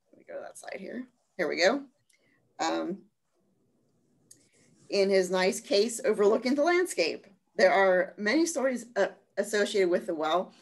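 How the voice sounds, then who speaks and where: A woman presenting a study abroad trip over a video call, talking casually with frequent ums and small laughs. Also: mid-range voice. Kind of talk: virtual fair slideshow presentation.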